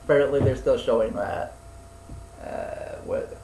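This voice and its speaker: A man's voice: medium pitch, unhurried, dark tone. Guy in his 20s rambling on a podcast, lots of ums, swears a bit, echoey room. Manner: rambling, loose and profane, with many fillers. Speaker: podcast co-host. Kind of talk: casual chat. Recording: echoey room with faint noise.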